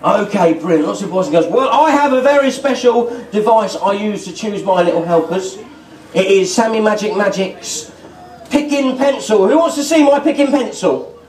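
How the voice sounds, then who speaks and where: British man, kids party magician, animated delivery, exuberant calls to children, roomy distant marquee sound. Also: high voice, moderate pace. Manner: exuberant, calling out questions to the children. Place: on stage in a festival marquee. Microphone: distant audience camera picking up amplified voice. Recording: echoey tent PA, picked up from afar.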